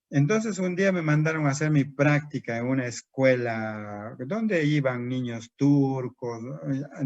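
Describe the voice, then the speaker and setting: A man's voice: mid-range voice, no room sound. A man giving a lecture to teachers as a trainer, asking and answering his own rhetorical questions. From Peru. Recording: dry, dull lo-fi recording.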